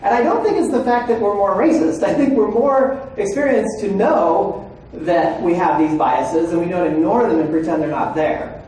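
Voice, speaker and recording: In an echoey hall, a man gives a conversational lecture at a legal training seminar to a large room of listeners, peppering it with "right?" and "okay?". His voice is high, a little mellow and at normal speed. He's recorded far from the mic, with a little hiss or hum.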